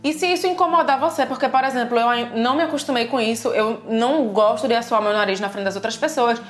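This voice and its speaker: A Brazilian woman with a Brazilian Portuguese accent, explaining customs in a casual video lesson with lively examples. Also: a little high, fast. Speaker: language teacher and co-host. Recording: echoey room with faint music.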